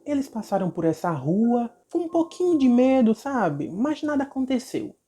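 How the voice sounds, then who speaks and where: A woman's voice: a little high, sing-song, normal speed, dark tone. A woman with a Brazilian accent narrating a viewer's supernatural story in a casual, chatty way, with asides to her audience. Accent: Brazilian Portuguese. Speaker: storyteller and channel host. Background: background music.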